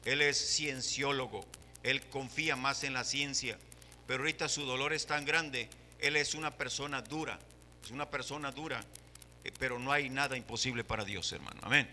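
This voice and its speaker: A man with a Mexican Spanish accent preaching an impassioned sermon as pastor, his voice rising to shouts. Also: mid-range voice, fairly even intonation, normal speed, slight background noise. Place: church hall. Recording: long hall reverb.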